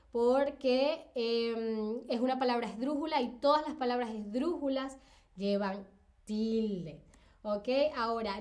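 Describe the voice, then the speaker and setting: A woman's voice: sits high, a little mellow. A woman teaching a live-streamed spelling lesson, patient, repeating examples and checking in with the viewers.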